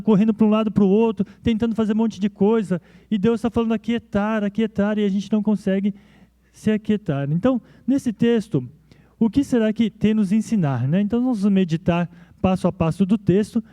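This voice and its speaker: High-pitched pastor, warm and conversational. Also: male voice, no room sound. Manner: conversational, frequent "né?" tags and restarts. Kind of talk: sermon. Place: church.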